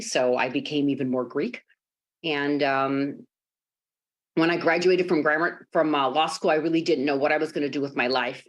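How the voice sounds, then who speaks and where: A deep-voiced woman from Chicago, United States, who works as a sports executive, tells her life story in a podcast interview over a remote call. She sounds earnest and reflective, with many ums and uhs.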